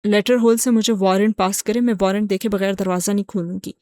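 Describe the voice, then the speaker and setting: A woman's voice: medium pitch, fairly even intonation, dark tone, no room sound, lightly acted. A woman reading the lines of a young lawyer wife who pleads that she is innocent. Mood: tense. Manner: pleading, stunned, defensive.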